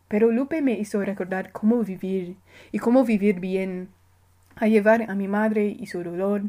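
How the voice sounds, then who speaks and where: Reading her personal essay aloud, this writer has a mellow, mid-range voice. Her delivery is careful and measured, with minor corrections here and there.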